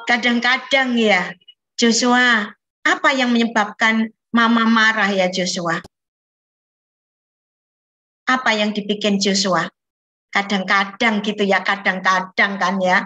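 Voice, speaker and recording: Woman Sunday school teacher, unhurried, clear bright tone, coaxing questions, video call. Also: mid-range voice, fairly even intonation, lo-fi sound. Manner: patient, coaxing, asks children many questions. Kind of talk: leading a children's Bible lesson.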